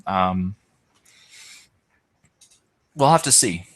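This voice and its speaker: A man's voice: low-pitched, animated, drawn-out words, a bit bright. A tired man hosting and commentating an online game tournament, hesitant, with many ums and self-corrections. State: tired, yawning.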